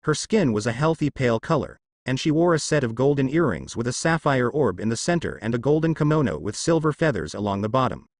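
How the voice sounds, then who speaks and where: A man's voice: medium pitch, expressive, fast talker, hardly any pauses, no echo, studio quality. A man narrating a fan fiction story aloud in a descriptive storytelling manner.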